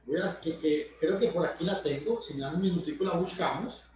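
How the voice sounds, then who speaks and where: Male preacher, high lively delivery, heavy room echo, faint background hum. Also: brisk, highs cut off. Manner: emphatic, addresses listeners as brothers and friends. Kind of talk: sermon. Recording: very echoey room, voice from far off.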